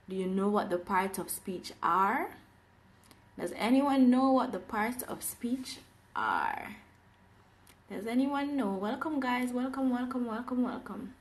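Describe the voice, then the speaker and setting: A woman from Jamaica teaching English on a live phone stream, cheerfully greeting viewers and repeating her welcomes. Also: mid-range voice.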